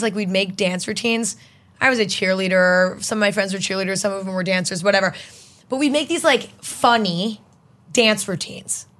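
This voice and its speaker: A woman's voice: mid-range voice, a bit bright. A young woman who creates online videos, a guest on a chat show, talking casually and rambling, with lots of "like.". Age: young adult. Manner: rambling, heavy use of "like".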